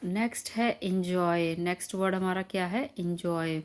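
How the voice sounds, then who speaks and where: एक महिला शिक्षिका, जो बच्चों को धैर्य से शब्दों के अर्थ समझाती है और हर शब्द को धीरे-धीरे दोहराती है।. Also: female voice, fairly low pitch. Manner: repeats each word slowly, patient classroom explaining. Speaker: teacher. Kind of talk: explaining word meanings to children.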